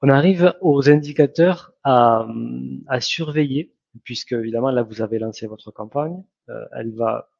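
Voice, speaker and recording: A man's voice: mid-range voice, moderate pace, vocal fry, a little mellow, dry recording, lo-fi sound. A man giving a spoken lesson, hesitant, with many fillers and self-corrections. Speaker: online ads trainer.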